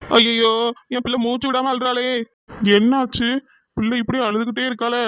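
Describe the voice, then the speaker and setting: A woman's voice: fairly high pitch, flat delivery, moderate pace, no echo, lightly acted. A woman voicing a scheming housewife. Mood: fake wailing. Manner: loud, fussing, fakes panic to get her way. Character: scheming village housewife, dramatic and wheedling. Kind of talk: cartoon comedy dubbing.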